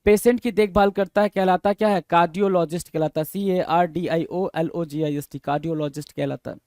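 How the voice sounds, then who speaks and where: Man teaching vocabulary, higher voice, dry sound. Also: fairly even intonation, brisk, darkish tone, smooth, no echo. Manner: mixes Hindi and English, repeats each answer and spells it letter by letter; asks the viewer questions and answers them himself. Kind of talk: recorded vocabulary lesson.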